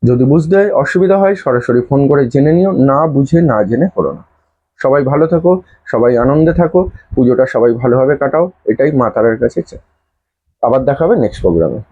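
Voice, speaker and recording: A man giving earnest spiritual advice straight to his viewers, explaining a ritual step by step and slowly chanting a mantra. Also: medium pitch, animated, mellow, breathy edge, dull audio. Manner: earnest, instructive, addresses viewers intimately. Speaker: astrology and spell advisor. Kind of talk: direct-address advice video.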